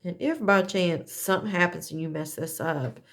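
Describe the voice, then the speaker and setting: In a casual how-to chat, a woman speaks at a moderate pace in a fairly low, creaky voice. She shows off a craft setup in a folksy manner and corrects herself as she goes.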